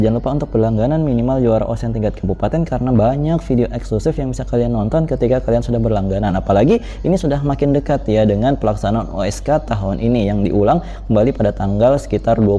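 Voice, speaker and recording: A man, explaining olympiad math problems step by step as a tutor, in a brisk manner with frequent fillers. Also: mid-range voice, mellow. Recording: dull lo-fi voice recording.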